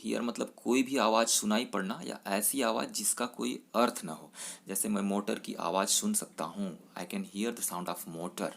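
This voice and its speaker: A man with a fairly low voice teaches an English vocabulary lesson to Hindi speakers. He explains each word plainly, then says the English example sentences slowly and carefully. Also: vocal fry, fairly bright tone.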